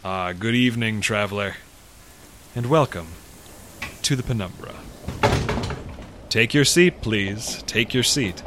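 A man's voice: lowish voice, a little slow, long pauses, background noise, close to an everyday voice. A man playing a mysterious, courtly train conductor in an audio drama, theatrical and ceremonious. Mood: inviting, mysterious.

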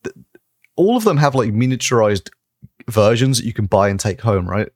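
A man with a lowish voice chatting casually as a podcast co-host, rambling through his points with plenty of fillers and easy laughs. He swears now and then. The sound is dry and close. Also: expressive, normal speed, darkish tone, no room sound. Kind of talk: casual chat.

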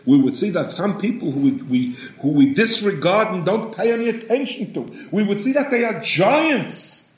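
A man giving a sermon in a halting way, often repeating words and rising in pitch for emphasis. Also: animated. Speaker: rabbi. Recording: echoey room, dull lo-fi sound.

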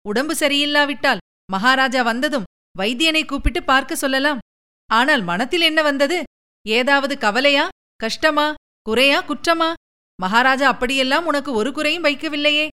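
A woman's voice: sits high, moderate pace, sharp tone, voice pushed up. A woman voicing a protective, fond old nursemaid who talks in a coaxing, gossipy way. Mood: concerned.

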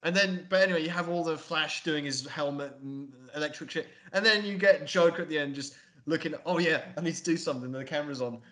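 A man co-hosting a podcast, chatting casually about a film in a rambling, excitable way with lots of swearing. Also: on the high side, fairly quick, few pauses. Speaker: podcast co-host. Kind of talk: casual film review chat.

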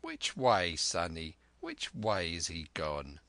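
A man's voice: sits low, huge pitch swings, takes it slowly, vocal fry, fairly bright tone, no room sound, pitched below the performer's own voice, exaggerated voice. A man voicing a sly, menacing male pirate who is half fawning, half sneering, talking in an old sailor's dialect. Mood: wheedling.

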